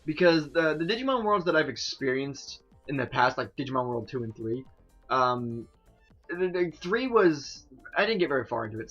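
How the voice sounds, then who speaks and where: A man's voice: medium pitch, a bit bright, lo-fi sound. A man commenting on a game he is playing, in a rambling, filler-heavy casual way. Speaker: gaming video host. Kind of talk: let's-play commentary.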